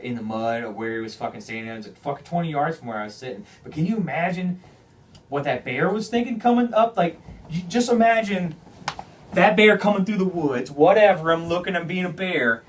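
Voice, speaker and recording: A man hosting a podcast, telling a hunting story in a casual, animated way, swearing often and restarting his phrases. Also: fairly high pitch, brisk, far from the mic, slight background noise. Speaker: podcast host.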